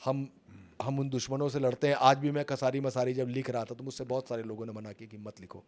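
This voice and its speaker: A man's voice: mid-range voice, little pitch movement, quick pace, darkish tone. Middle-aged man, journalist, dramatic storyteller, emphatic delivery, interview talk. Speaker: journalist and author.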